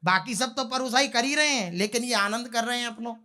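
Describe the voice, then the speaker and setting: Bright-voiced male devotional storyteller. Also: very high voice, a little fast. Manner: animated, lapses into sung couplets and then explains them. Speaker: religious storyteller. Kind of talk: devotional storytelling with chanted verses.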